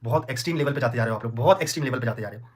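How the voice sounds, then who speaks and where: A man's voice: mid-range voice, racing. A man arguing heatedly on a livestream, repeating himself, pleading and threatening in turns. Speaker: vlogger on a livestream.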